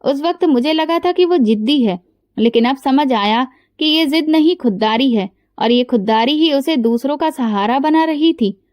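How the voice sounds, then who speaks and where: A woman narrating a scripted first-person story in a steady, emotional way. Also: sits high, moderate pace, dry recording.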